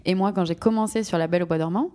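A woman's voice: on the low side, racing, dark tone. A woman with a slight southern French accent, a musical theatre performer, telling stories in a casual podcast chat.

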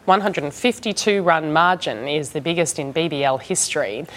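A woman's voice: low-pitched, moderate pace, fairly bright tone. A woman with an Australian accent presenting a scripted news bulletin.

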